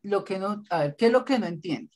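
A man's voice: high-pitched, animated, brisk, darkish tone. Blunt male teacher. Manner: blunt, corrective, lecturing. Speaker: design teacher. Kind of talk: online class feedback.

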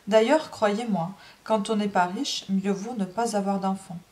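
A woman's voice: medium pitch, a little slow, darkish tone, lightly acted. A woman reading a novel aloud, voicing a cold, condescending aristocratic countess. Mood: haughty.

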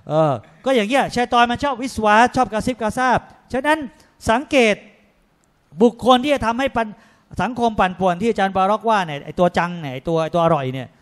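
High-voiced man giving a lively religious talk. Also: fast. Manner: lively, joking, acts out voices of people in anecdotes; often tags sentences with polite particles. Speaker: Islamic lecturer on a panel. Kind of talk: religious panel talk to an audience.

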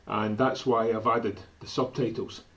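A man from Scotland with a Scottish accent, director of an advocacy group, making an earnest, deliberate appeal to camera and quoting scripture. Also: fairly low pitch, fairly even intonation, fairly bright tone, a little hiss or hum, rough recording. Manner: slow, deliberate, quotes scripture.

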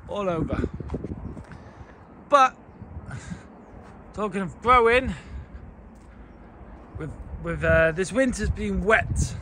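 His voice high and a bit bright against slight background noise, a farm owner in his forties vlogs on a phone held at arm's length. He walks his mountain farm, mostly outdoors and partly in a wooden kitchen, chatting in a rambling way with fillers and restarts.

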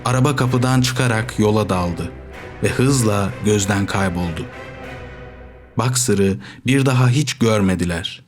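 A man reading a novel aloud as audiobook narrator, with steady, measured storytelling. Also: fairly low pitch, faint music behind. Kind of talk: scripted narration.

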